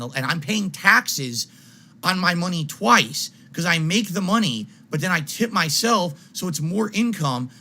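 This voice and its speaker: A man on a live stream in a wild, unhinged rant. His voice is forceful, sharp and somewhat high. He is exasperated and confrontational, hammering points over and over and swearing for emphasis. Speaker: video game live streamer.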